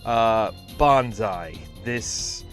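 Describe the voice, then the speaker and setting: A man's voice: fairly low pitch, extremely slow, soft background music. A tired man hosting a casual game stream from home, rambling with lots of fillers and sounding a bit out of breath. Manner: rambling, self-deprecating, many fillers. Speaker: streamer host. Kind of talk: casual livestream chat.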